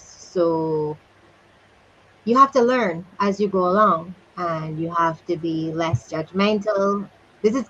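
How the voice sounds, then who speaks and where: A woman hosting a casual talk, speaking earnestly and thoughtfully from her own experience. Her recording sounds slightly dull and lo-fi, with faint noise behind her. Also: on the low side. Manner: earnest, reflective, sharing personal experience. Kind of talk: casual conversation.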